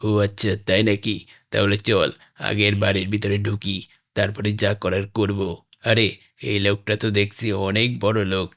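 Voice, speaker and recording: A greedy cartoon gang boss, voiced by a man speaks low and taunting. He bosses his henchmen and mocks his victims. The voice sits on the deep side. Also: little pitch movement, normal speed, fairly bright tone, natural voice. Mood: menacing. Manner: taunting, bossy. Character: menacing male gang boss, greedy and mocking. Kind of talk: animated game-parody voice acting.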